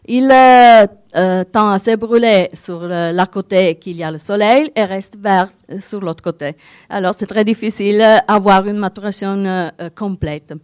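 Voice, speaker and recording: Halting woman with an Italian accent. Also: medium pitch, a little mellow, clean tone, no room sound, clean studio sound. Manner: halting, searching for words in non-native French. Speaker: winegrowers' association representative giving a talk. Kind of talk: conference presentation.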